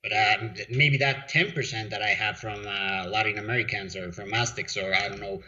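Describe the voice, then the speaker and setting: A man's voice: on the low side, moderate pace, bright, forceful tone. A man from Mexico, a guest in a casual interview, rambling with lots of fillers and restarts. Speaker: podcast guest. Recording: dull lo-fi audio.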